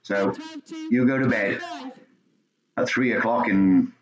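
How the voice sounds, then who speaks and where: A British man chatting casually and ramblingly, often halting and repeating himself. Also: mid-range voice, roomy sound, dull audio. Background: auction calling and crowd.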